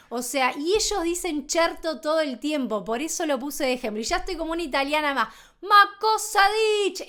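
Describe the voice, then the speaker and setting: A young woman with a Rioplatense Spanish accent gives a casual language lesson. Her voice sits high and swings widely in pitch. She talks with animation and repeats words slowly so learners can follow. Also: bright, forceful tone. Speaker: Italian teacher.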